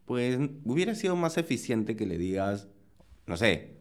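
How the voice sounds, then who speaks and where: A man's voice: fairly low pitch, big pitch swings, unhurried. A man co-hosting a podcast, explaining his point in an easygoing way with everyday examples. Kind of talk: casual conversation.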